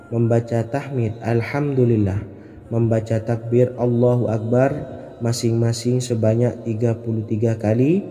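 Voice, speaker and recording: A man giving scripted religious narration, in a measured way and reciting Arabic phrases. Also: mid-range voice, mellow. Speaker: Islamic devotional narrator. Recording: long hall reverb, faint music.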